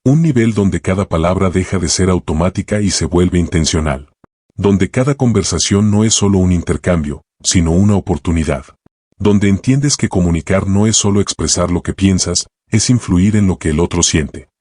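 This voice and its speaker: A man narrating a self-help audiobook in a calm, measured way, speaking in short reflective phrases. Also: low-pitched, dry recording, clean studio sound.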